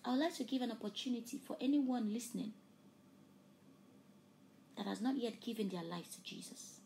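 A Yoruba-speaking woman, acting as preacher and host, delivers a sermon with an altar call, her fervent voice swelling to loud, emphatic peaks before sinking to hushed near-whispers. Her voice sits on the high side and is gravelly, at a normal pace, with a little hiss or hum.

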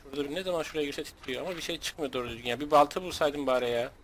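A man from Turkey hosting a gaming video, chatting casually with a friend while playing, excitable, joking and swearing. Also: a little high, racing. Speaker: gaming channel host.

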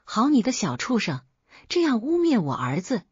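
A woman's voice: fairly high pitch, huge pitch swings, moderate pace, darkish tone, slightly rough, no room sound, muffled recording, voice pushed up, full character voice. A woman voicing a furious village mother who screams insults to defend her son. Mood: enraged.

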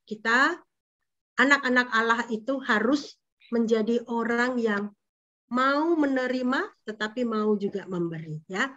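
A high-voiced woman teaches Sunday school with an animated, coaxing delivery, firing questions at the children. The recording is dull and lo-fi. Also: measured pace. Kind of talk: lively sermon for children.

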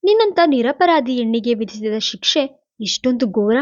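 Stern young doctor guy, read by a woman, curt and clipped, high-ish voice, dry dull audio. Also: animated, normal speed, darkish tone, dry recording, close to an everyday voice.

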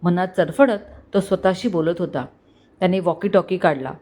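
A woman storyteller reading a scripted romantic story aloud in a steady, expressive way. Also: on the low side, normal speed.

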